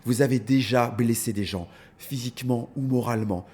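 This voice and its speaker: A man speaking casually in an interview, an animated storyteller who acts out scenes and often repeats words as he starts a thought. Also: mid-range voice, normal speed, breathy edge. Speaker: dog content creator, guest.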